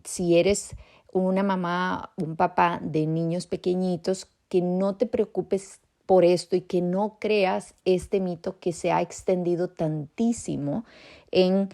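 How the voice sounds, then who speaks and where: Slow, gravelly-voiced woman podcast host. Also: on the low side. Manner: calm, explanatory, addresses parents directly. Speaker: podcast host on bilingual parenting. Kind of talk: informative podcast talk.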